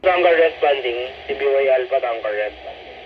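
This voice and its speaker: A man's voice: mid-range voice, animated, moderate pace, highs cut off. Man, walkie-talkie radio, fire dispatch calls, terse, repeats each call, static hiss. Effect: heard over a walkie-talkie radio.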